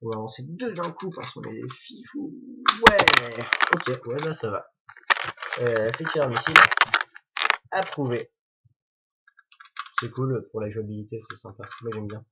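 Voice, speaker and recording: Man, toy reviewer, chatty and jokey, middle pitch, slightly husky, lo-fi muffled recording. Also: normal speed, long pauses, heavy background noise. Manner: chatty, jokey, self-correcting. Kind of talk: casual building commentary. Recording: dull lo-fi recording.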